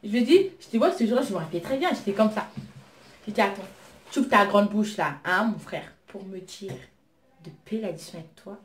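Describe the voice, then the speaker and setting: A woman chatting casually as she tells a story about her own life, retelling what she said with an indignant, lively edge. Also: mid-range voice, brisk. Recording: roomy echo.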